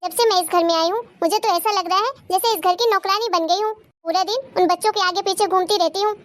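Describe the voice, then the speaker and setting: A woman voicing a young aunt in a cartoon story, a new bride who complains in a sharp-tongued way. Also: very high voice, fast talker. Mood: resentful. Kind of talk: cartoon voice acting.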